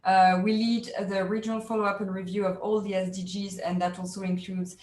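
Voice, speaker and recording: Lively woman presenting over a video call. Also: mid-range voice, brisk. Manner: polite, lively, with frequent fillers. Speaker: keynote speaker. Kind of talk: webinar presentation. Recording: roomy with faint noise.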